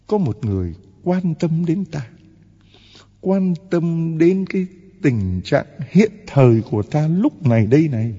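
A man, a priest, giving an impassioned sermon, drawing out key words slowly and rising to emphatic peaks. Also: fairly high pitch, warm tone, slightly rough, long reverb tail, lo-fi sound.

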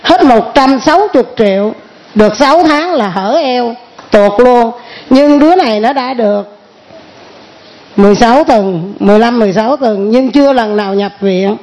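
A middle-aged woman with a slightly high voice gives a testimony in church. She speaks earnestly and keeps repeating and restarting her words as she tells her story. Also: normal speed, darkish tone. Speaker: church member giving testimony. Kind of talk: emotional spoken testimony.

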